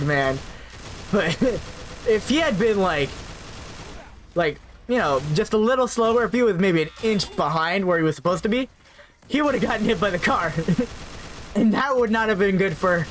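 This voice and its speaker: High-voiced young man telling a story. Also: fairly bright tone, slight background noise. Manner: rambling, repeats words, frequent "right?" asides. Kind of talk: casual spoken storytime.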